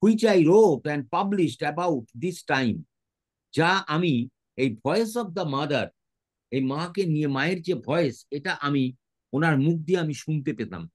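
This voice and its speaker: A man with a Bengali accent teaching an English lesson, reading lines slowly, then explaining and spelling words letter by letter. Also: fairly high pitch, animated.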